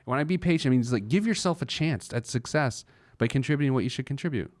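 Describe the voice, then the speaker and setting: In clean studio sound with no echo, a man with a mid-range voice and lively intonation talks at a quick pace. He's hosting a personal finance show, delivering a casual monologue with some letter reading, digressing playfully, mocking himself, and repeating phrases for emphasis.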